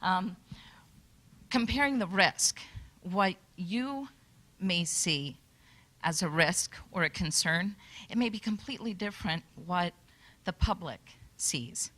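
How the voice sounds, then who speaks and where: A woman from Michigan, an audience member at a public workshop, gives a nervous but sincere comment through a handheld microphone in a conference hall. She speaks slowly and expressively with long pauses, in a voice on the low side that sounds pushed and bright.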